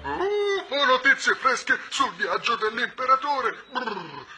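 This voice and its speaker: Piercing, very high excitable messenger. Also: male voice, measured pace, faint music behind, full character voice. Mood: excited. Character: excitable news messenger in children's fantasy. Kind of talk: exaggerated children's bulletin announcing.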